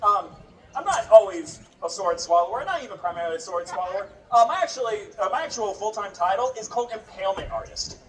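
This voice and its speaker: With an animated, quick delivery at medium pitch, a sword swallower addresses festival onlookers through comic stage patter and wry showman jokes. The mic is distant, the space roomy, and crowd noise is audible.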